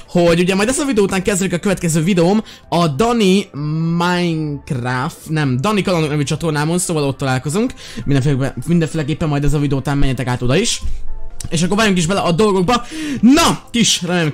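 A man chatting excitedly through his gameplay, his voice fairly high and swinging all over the place. He talks straight to his viewers in a quick, chatty flow, with faint music playing underneath. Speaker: gaming video host.

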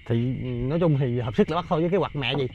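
A man doing excited commentary outdoors for a ghost-hunting vlog, stammering and repeating words in bursts. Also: mid-range voice, rapid-fire, dull audio, slight background noise.

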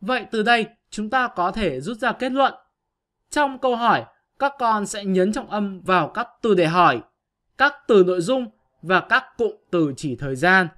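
A man's voice: high-pitched, expressive, moderate pace, a bit bright. A male teacher giving an online grammar lesson, patiently explaining step by step to his pupils.

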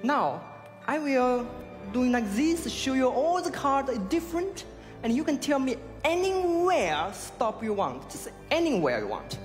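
A man in his thirties, a native Chinese speaker, gives halting showman patter in English as a stage magician. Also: very high-pitched, sing-song. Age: 30s. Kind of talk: talent show magic performance patter. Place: large theatre stage with audience. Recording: reverberant theatre with crowd and music.

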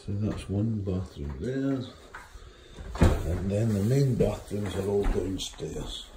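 A man giving an informal, halting walk-through tour of a wooden lodge, speaking into a handheld phone as he walks. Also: on the low side, lively intonation. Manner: unhurried, informal, halting with fillers. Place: wooden lodge rooms and hallways, indoors. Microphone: phone camera held while walking. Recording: echoey rooms with clear handling noise.

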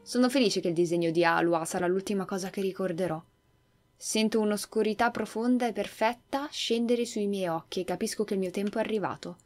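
A woman's voice: medium pitch, brisk, faint music behind, lightly acted. A woman voicing a timid, sweet young boy in an earnest way while reading a game's story aloud.

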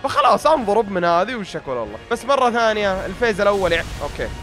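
A young man with a Gulf Arabic accent rattling off gameplay commentary at a breakneck pace, his voice a touch high and audibly worn out. He grumbles, mocks himself and talks straight to his viewers, with faint music playing behind him. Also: big pitch swings, very fast. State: tired, strained voice. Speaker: gaming YouTuber.

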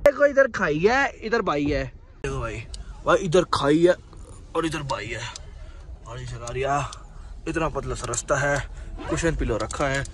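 A twenty-something man vlogs a road trip with friends, bantering crudely and speaking directly to his audience, the footage shot on a handheld phone. The scene moves from a car on mountain roads to a forest trail, where a steep climb leaves him out of breath. His voice is a little high and animated but unhurried, with a little hiss or hum.

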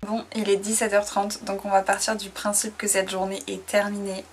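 A woman's voice: medium pitch, level tone, moderate pace, background noise. A young woman from France, a freelance graphic designer, chatting casually to camera in a rambling way with many fillers, sounding tired. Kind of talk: casual vlog chat to camera.

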